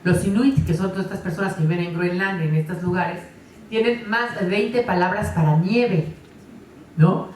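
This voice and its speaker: A woman giving a lively, conversational conference talk, often adding tag questions. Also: on the low side, moderate pace, slight background noise. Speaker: lecturer. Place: conference hall. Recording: echoey hall, distant mic.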